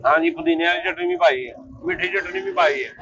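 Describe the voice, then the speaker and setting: A quick, bright-voiced man, sounding irritated and scolding as he plays a comic street sketch. His voice sits high, and the outdoor food stall behind him carries faint noise. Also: huge pitch swings, gravelly, low-quality recording. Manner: irritated, scolding, repeats himself. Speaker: comedian.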